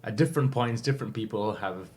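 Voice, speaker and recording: Man, 50s, lowish voice, reflective interview talk, light background noise. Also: fast, darkish tone. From England. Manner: thoughtful, many fillers, self-correcting. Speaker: guest.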